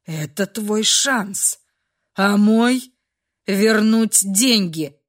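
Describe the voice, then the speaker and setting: Woman voicing a cold, possessive beast-man. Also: mid-range voice. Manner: cold, slow and commanding.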